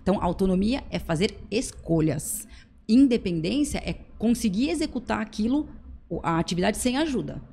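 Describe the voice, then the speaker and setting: A woman's voice: medium pitch, lively intonation, moderate pace, creaky, warm tone, a little hiss or hum. A Brazilian woman, a middle-aged occupational therapist, explaining ideas step by step with simple everyday examples in a podcast interview recorded at a clinic. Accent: Brazilian Portuguese. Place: clinic room.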